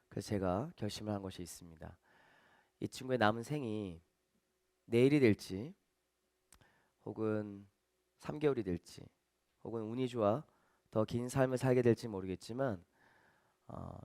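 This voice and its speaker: A man's voice: on the low side, a little mellow, no room sound, clean studio sound, pitched below the performer's own voice, close to an everyday voice. A man voicing a young man who is making a subdued, solemn plea to win over his dying girlfriend. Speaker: audience member at a magic show.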